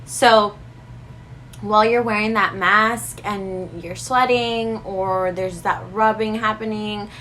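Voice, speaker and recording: A woman's voice: medium pitch, steady tone, takes it slowly, bright, forceful tone, slight background noise. A woman in her twenties talking animatedly to the camera in a casual skincare vlog, slipping in Spanish phrases now and then. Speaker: beauty vlogger.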